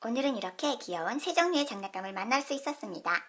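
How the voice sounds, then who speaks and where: A woman's voice: a little high, very animated, quick pace, fairly bright tone, breathy edge. A woman hosting a toy unboxing video, narrating cheerfully for children with playful exclamations. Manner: playful, exclaims often, talks to kids.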